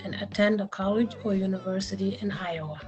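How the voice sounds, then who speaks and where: A woman announcer reading a scripted informational message in a clear, instructive way. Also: medium pitch, steady tone, a little fast, lo-fi sound. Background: soft music.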